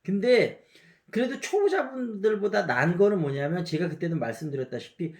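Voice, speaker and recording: A man's voice: high-pitched, lively intonation, moderate pace, a little mellow, roomy sound. A man in his fifties with a slight Gyeongsang Korean lilt, an English teacher chatting through a pronunciation lecture and demonstrating words aloud.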